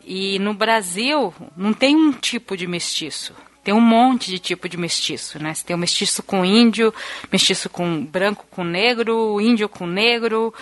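A Brazilian woman co-hosting a podcast interview, reasoning an idea out aloud in a calm, reflective way. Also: medium pitch, dry recording. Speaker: podcast co-host. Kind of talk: casual conversational interview.

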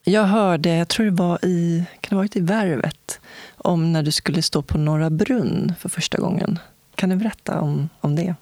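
Interviewer, gravelly voice, short questions, dry close sound. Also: medium pitch, a little mellow, no room sound. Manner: brief, encouraging questions and backchannels. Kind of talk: casual interview.

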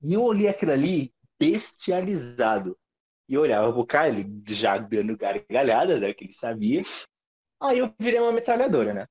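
A young man, telling school stories on a podcast with animated swearing and sudden pitch leaps. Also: moderate pace. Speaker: podcast host. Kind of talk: casual storytelling chat. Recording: dull lo-fi audio.

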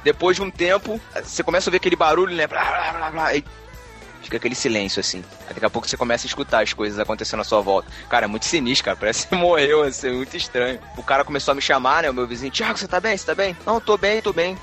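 A man chatting on a podcast, rattling off a personal story at a quick clip with faint music underneath. He stays animated, laughs often and repeats words as he goes. His voice sits at an ordinary middle pitch. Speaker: podcast co-host. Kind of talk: casual storytelling chat.

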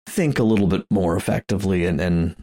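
Low-pitched, chatty podcast co-host who laughs through his points. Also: fairly quick, dark tone. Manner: rambling, chuckling, many restarts. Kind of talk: casual chat.

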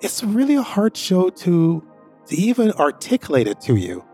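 A man's voice: high-pitched, huge pitch swings, moderate pace, warm tone, soft background music. A man hosting a story podcast, telling a personal anecdote in a casual, rambling way that repeats itself. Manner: rambling, repeats himself, conversational. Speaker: podcast host.

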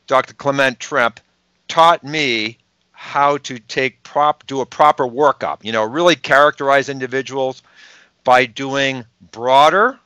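A man's voice: a little high, bright, forceful tone, smooth, dry recording. A man with a Boston accent, a podcast guest explaining health research in an emphatic way and asking rhetorical questions. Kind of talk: explanatory interview talk.

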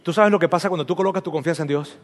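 High-voiced pastor preaching in a reverberant hall. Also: male voice, rapid-fire. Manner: emphatic, repeats phrases, leads congregation in declarations. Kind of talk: sermon. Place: church hall.

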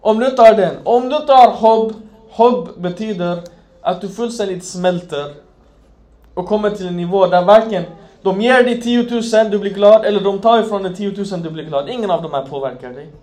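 A man preaching an Islamic sermon, impassioned, swinging from loud emphasis to hushed near-whispers. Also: sits high.

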